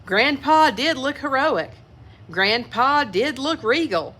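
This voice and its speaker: Animated, bright-voiced woman reading aloud. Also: high-pitched, slow pace. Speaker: children's story reader. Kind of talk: expressive picture-book read-aloud with asides to young listeners.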